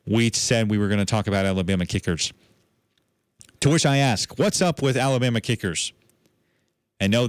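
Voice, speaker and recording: A man hosting a sports show, running through college football bowl predictions in a brisk, confident way. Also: fairly low pitch, smooth, no room sound, clean studio sound. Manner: brisk, confident picks with a self-correcting aside.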